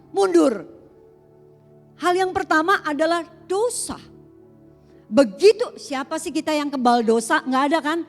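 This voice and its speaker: A middle-aged woman pastor preaching a sermon, talking animatedly with rhetorical questions to the congregation. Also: very high voice. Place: church sanctuary. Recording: long church hall reverb with faint music.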